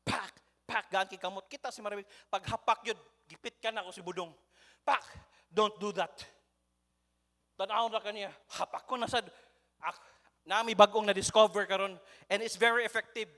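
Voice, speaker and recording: A man with a Cebuano accent preaching a sermon in a church, telling stories in an animated way and mixing in English. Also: high-pitched, moderate pace. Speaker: pastor. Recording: long church hall reverb.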